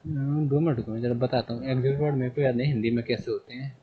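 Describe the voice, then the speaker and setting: A male English grammar teacher in a classroom, repeating his points and firing quick questions at his students. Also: medium pitch, fairly even intonation, slightly rough, narrow, tinny audio.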